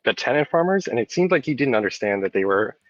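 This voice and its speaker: A man in casual group chat who sounds like he is on speakerphone, asking hesitant, halting questions over a phone call. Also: mid-range voice, sing-song, slight background noise.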